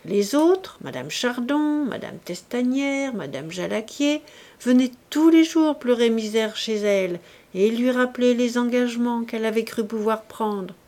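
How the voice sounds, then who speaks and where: A woman reading a classic novel aloud as an audiobook narrator, in a measured, even way. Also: fairly high pitch. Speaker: audiobook reader.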